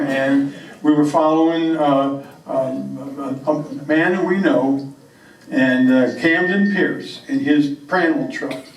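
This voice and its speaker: A man telling comic stories on stage in a folksy, unhurried way. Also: on the high side, background noise. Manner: folksy, unhurried yarn-spinning. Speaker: humorist, storyteller. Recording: echoey room, distant microphone.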